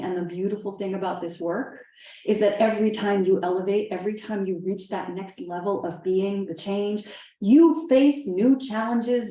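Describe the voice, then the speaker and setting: A woman hosting an event and telling a motivational story in a casual, expressive way. Her voice is mellow and warm, at a middle pitch. The sound carries a roomy echo from the venue. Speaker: workshop host.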